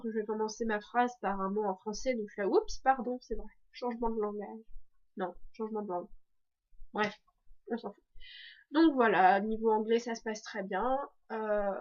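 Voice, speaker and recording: A teenage girl from France chats through her video diary, her voice sitting a little high. She talks loosely, full of fillers and restarts. The sound is dull and lo-fi. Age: teens. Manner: chatty, many fillers and restarts. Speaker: exchange student vlogger.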